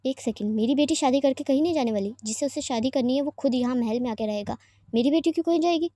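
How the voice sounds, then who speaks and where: A woman reading a story aloud, voicing a soft-spoken father who coaxes and indulges his daughter calmly. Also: high-pitched, fast, dry recording, studio quality. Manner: calm, coaxing, indulgent.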